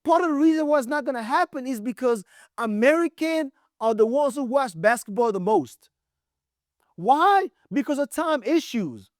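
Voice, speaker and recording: Guy from congo ranting hard about basketball, high voice, super dry sound. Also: expressive, normal speed, no echo. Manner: emphatic, ranting, blunt. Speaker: sports commentator. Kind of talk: opinionated basketball commentary monologue.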